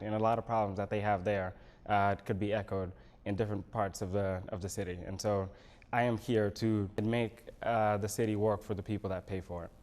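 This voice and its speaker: This is a man from Senegal, a city council hopeful, interviewed in a local TV studio, giving measured answers broken up by pauses. He has a fairly low pitch and a darkish tone.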